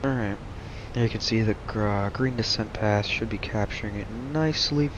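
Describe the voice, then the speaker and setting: A young man chats casually over a flight simulator stream in a lowish voice at a moderate pace. Laid-back and rambling, he mentions he's losing his voice, and the stream audio is muffled and noisy.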